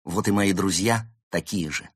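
A man voices a resolute fox who leads his friends in a storybook. He speaks firmly and earnestly, slightly above a low husky voice, recorded dry and close. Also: normal speed, no room sound. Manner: firm, earnest. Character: determined male fox leader.

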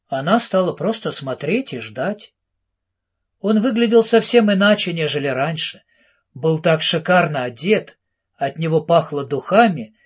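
A man narrating a children's novel as an audiobook, in a measured storybook reading. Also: sits high, breathy edge, lo-fi sound. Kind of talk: scripted narration.

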